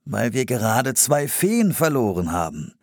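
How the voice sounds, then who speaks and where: A man voicing an excitable adult male playwright who talks in an eager, coaxing way. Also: mid-range voice, unhurried, no room sound, studio quality, pitched above the performer's own voice. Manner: enthusiastic, coaxing.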